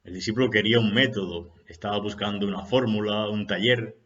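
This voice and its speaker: A man giving an unhurried, reflective spiritual talk, posing rhetorical questions and telling a parable. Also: fairly low pitch, fairly bright tone, muffled recording. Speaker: spiritual speaker.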